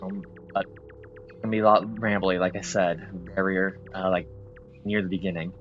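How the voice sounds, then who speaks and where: This gameplay host talks in a low voice with little pitch movement at a moderate pace, wandering through apologetic, filler-heavy commentary and restarting his sentences. The sound is lo-fi, with faint music behind him.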